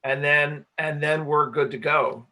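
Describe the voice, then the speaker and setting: As the director and sound engineer of a radio play production, a man answers questions in a casual panel Q&A, explaining things in a halting way. His voice is on the high side, bright and forceful, with a steady tone.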